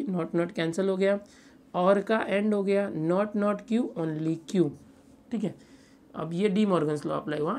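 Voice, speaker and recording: A man teaching a maths lesson, patiently going through each step, asking rhetorical questions and reading English statements slowly word by word. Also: sits high, a little mellow.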